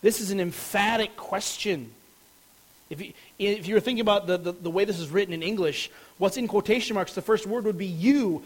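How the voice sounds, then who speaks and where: A man's voice: high-pitched, fairly quick, poor audio. A man preaching a sermon as a pastor, explaining a passage earnestly and stressing key words.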